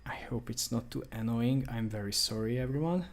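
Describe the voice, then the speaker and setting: A man's voice: mid-range voice, fairly quick. Hesitant Hungarian man demoing gear. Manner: hesitant, apologetic, thinking aloud with fillers. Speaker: product demonstrator. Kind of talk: live-stream product demo.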